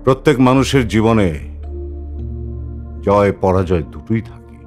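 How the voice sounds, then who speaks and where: An actor playing a calm, calculating political boss who speaks in measured, sententious lines. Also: male voice, fairly low pitch, faint music behind, close to an everyday voice. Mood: calm, lecturing. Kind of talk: film drama acting.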